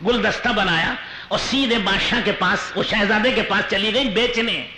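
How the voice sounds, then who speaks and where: A male Islamic preacher telling a story in a sermon, animated, with chuckling asides. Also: high voice. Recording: roomy echo with faint noise.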